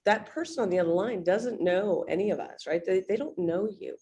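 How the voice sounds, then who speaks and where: A woman real estate agent coaching on a video call, a fast talker who speaks bluntly and directly. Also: medium pitch, warm tone.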